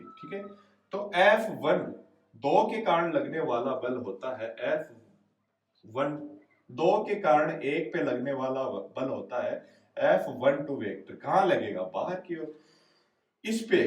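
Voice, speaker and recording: A young man teaching physics in a lively, sing-song lecturing voice with a Hindi accent. He keeps putting questions to his class and then answering them himself. He stands away from the microphone in an echoey room. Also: fairly high pitch, far from the mic. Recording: roomy echo, voice away from the mic.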